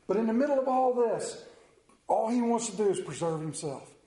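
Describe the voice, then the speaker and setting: A man from Central Maryland, United States, with that region's accent, preaches a folksy sermon that mixes stories with personal asides. His high-sitting, animated voice has a dark tone and a moderate pace, recorded roughly in an echoey room.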